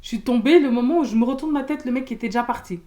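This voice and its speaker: A young woman from Belgium, telling a storytime in casual slangy chat, loud and expressive, acting out the people in her story. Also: on the high side, rapid-fire. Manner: casual slangy talk with many fillers.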